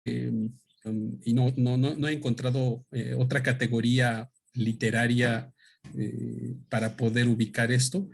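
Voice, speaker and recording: A husky Mexican man, a native Otomi speaker, lectures an audience at a book presentation. His voice sits at an ordinary middle pitch, and he talks in a thoughtful, halting way, pausing often to find the right word. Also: little pitch movement. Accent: Mexican Spanish. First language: Otomi (Hñähñu). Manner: thoughtful, halting, pauses to search for words. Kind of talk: explanatory talk to an audience.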